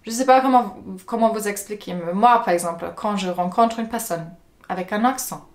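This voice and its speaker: A woman's voice: medium pitch, moderate pace, faint music behind. A woman from Germany with a German accent, telling personal stories casually to her viewers, with many hesitations and repeated words. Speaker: vlogger. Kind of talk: casual personal storytelling to camera.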